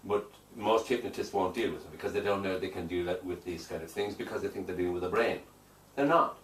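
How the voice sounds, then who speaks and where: A hypnotherapist man with a fairly low voice explains his views in an interview, firm and emphatic and given to repetition. He sits away from the mic in an echoey room with a faint hiss behind him. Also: quick pace, distant mic. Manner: emphatic, declarative, repeats phrases for weight. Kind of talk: interview answers.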